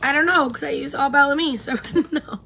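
She talks fast in a high, gravelly voice that's going, amid a noisy background. A thirtysomething beauty vlogger, she rambles through a casual get-ready-with-me live chat, greeting viewers by name as she does her makeup in a home room lit with pink neon, recorded by a camera close in front.

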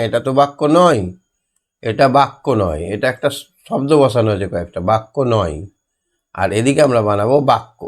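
A man's voice: mid-range voice, a little mellow. Patient man spelling words for children. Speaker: primary school teacher. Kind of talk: homework lesson for young children.

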